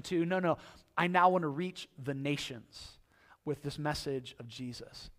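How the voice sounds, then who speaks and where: A man preaching a sermon to his church, telling the story in a lively way and acting out the quoted voices. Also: a little high. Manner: animated storytelling, acts out quoted voices, rising excitement. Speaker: pastor.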